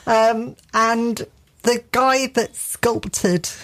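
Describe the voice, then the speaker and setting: Derbyshire lady chatting on a garden radio show, excited, lots of ums. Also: a little high, drawn-out words. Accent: English, Derbyshire. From England. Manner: chatty, enthusiastic, many fillers and restarts. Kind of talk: casual radio chat.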